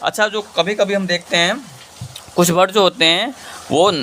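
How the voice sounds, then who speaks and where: A man's voice: sits high, steady tone, normal speed, bright, forceful tone, slight background noise. A man teaching English grammar in a lesson, explaining in Hindi and reading English examples in an Indian accent, often asking and answering his own questions. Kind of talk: classroom-style lesson.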